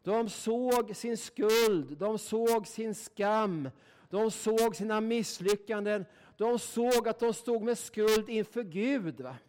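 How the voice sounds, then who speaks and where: High-voiced, folksy Swedish-speaking preacher man. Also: a little mellow. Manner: folksy, emphatic, keeps asking "va?". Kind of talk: sermon.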